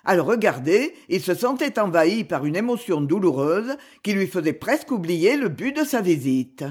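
A man narrating a classic novel in measured, literary storytelling. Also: high-pitched, sing-song, darkish tone, breathy edge. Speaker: audiobook reader.

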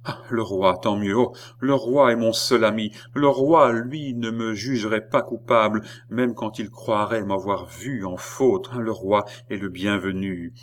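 A man's voice: lowish voice, steady tone, unhurried, hardly any pauses, lightly acted. A man voicing a proud, wounded queen, pleading in a heightened voice that rises to cries. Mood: agitated.

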